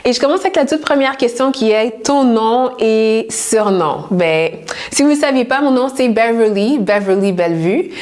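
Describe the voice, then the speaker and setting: A woman's voice: fairly high pitch, expressive, normal speed, a little mellow. Chatty young Québécois woman vlogger. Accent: Québécois French. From Canada. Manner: chatty, hesitant with fillers. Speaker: YouTube host. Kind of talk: casual Q&A vlog.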